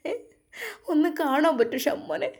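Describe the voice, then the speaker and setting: Brief: a high, tearful grieving young wife, voiced by a woman, storybook. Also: very animated, normal speed, darkish tone. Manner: tearful, breaking pleading.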